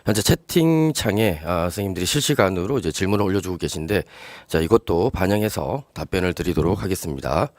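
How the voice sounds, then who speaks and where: A man's voice: sits low, lively intonation, fast, darkish tone, no echo. A man answering teachers' frequently asked questions in a live-streamed briefing, explaining step by step with many fillers and hesitations.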